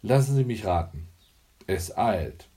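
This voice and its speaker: A brusque woman of 45 speaks with dry mockery and clipped impatience, voiced by a man reading an audiobook. The pitch is raised a little above his own dark, gravelly voice, and the delivery turns quick and sharp. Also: animated. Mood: sardonic. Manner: mocking, curt. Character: sardonic 45-year-old secretary woman, brusque.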